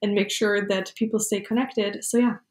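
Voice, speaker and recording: A woman's voice: mid-range voice, fairly even intonation, normal speed, roomy sound. A young woman from Germany, a podcast guest, talking enthusiastically and at length in a casual chat in a living room. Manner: enthusiastic, chatty, explanatory. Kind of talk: casual video podcast conversation.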